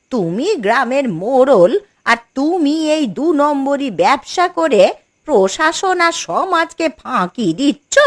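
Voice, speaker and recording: A woman's voice: a little high, a bit bright, dry recording, studio quality, full character voice. A woman voicing a stern, fretting old grandmother in a cartoon, scolding and grumbling in a weary way. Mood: defiant. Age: older. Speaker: voice actor. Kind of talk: cartoon voice acting.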